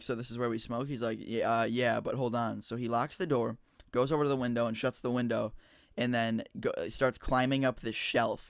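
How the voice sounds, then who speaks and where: A man's voice: mid-range voice, vocal fry, clear, resonant tone, no echo, clean studio sound. A teenage boy telling a school story to his viewers in a rambling, casual way with lots of fillers. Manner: rambling, chatty, frequent fillers and restarts. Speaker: YouTuber.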